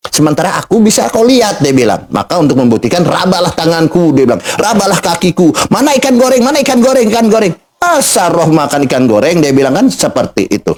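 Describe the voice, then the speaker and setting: A man arguing in a heated religious debate, acting out quotes in a raised voice. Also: mid-range voice. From Indonesia. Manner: animated, quotes others in raised voice.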